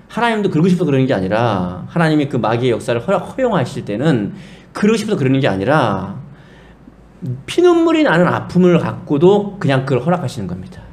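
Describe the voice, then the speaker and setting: A man's voice: mid-range voice, darkish tone. A middle-aged man preaching a sermon, telling a personal story and addressing the congregation directly. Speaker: pastor.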